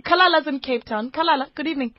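A woman's voice: high-pitched, very fast, muffled recording. A South African woman hosting a casual radio phone-in, chatty and prompting callers with questions. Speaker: radio talk show host. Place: radio studio.

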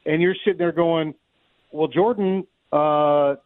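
Speaking a little slowly in a fairly high voice, a middle-aged announcer offers conversational sports takes with a wry sense of humor during a live radio interview. The audio comes over a thin, narrow-band phone line with a roomy sound.

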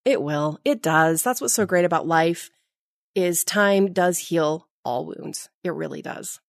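Brief: woman in her 40s, low-ish voice, animated self-deprecating guest storyteller, dry close sound. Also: measured pace, vocal fry, dry recording. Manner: animated, self-mocking storyteller who laughs at herself. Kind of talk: casual faith podcast chat.

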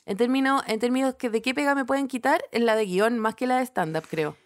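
A woman's voice: on the high side, fairly quick. A Chilean woman, a comedy writer co-hosting a podcast, chatting casually with sardonic, rambling restarts. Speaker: podcast co-host. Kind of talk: casual chat.

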